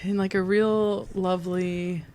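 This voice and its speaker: A woman's voice: fairly low pitch, little pitch movement, unhurried, darkish tone, slight background noise. A woman who works in marketing, a podcast guest who talks in a bubbly, rambling way with many fillers and frequent laughs. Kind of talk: casual podcast conversation.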